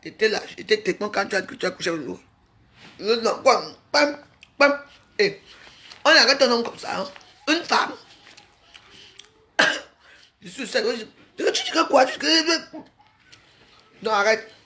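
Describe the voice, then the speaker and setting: A woman's voice: fairly high pitch, animated, normal speed, pauses often, sharp tone. A woman, ranting in a casual gossip vlog, mocking and insulting with frequent laughter. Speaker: vlogger. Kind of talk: casual gossip rant to camera.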